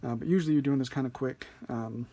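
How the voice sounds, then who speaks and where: Male tutorial host, soft-edged mellow tone, mid-range pitch, informal and thinking aloud. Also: quick pace, a little hiss or hum. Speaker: card trick instructor. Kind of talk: casual hands-on tutorial.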